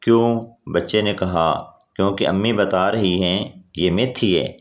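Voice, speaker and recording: A man with a very low, deep voice reads out one joke after another. He keeps an even storytelling delivery and speaks all the quoted characters in his own voice. It sounds like a scripted comedy read. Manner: steady storytelling delivery, reads every character's lines himself. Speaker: joke narrator.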